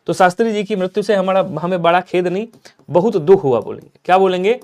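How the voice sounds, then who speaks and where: High-voiced man teaching Hindi grammar. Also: expressive, quick pace, a little mellow. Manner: emphatic, repeats answers, checks in with students. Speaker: exam prep teacher. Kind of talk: live online Hindi grammar class.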